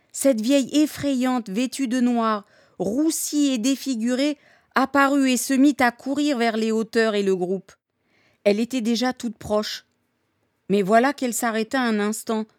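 A woman giving a steady, measured live reading of a novel. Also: on the high side, dry recording, clean studio sound. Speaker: reader.

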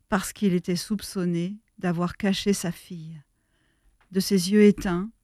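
Casting: a woman narrator, slow and mellow, solemn storybook reading. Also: lowish voice, dry recording, clean studio sound.

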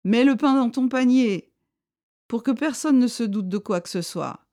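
A woman's voice: fairly high pitch, measured pace, dark tone, voice pushed up. A woman voicing an armed rebel leader, a man who is stern yet friendly and speaks firmly in a raised voice. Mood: commanding. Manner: firm, commanding, raised voice.

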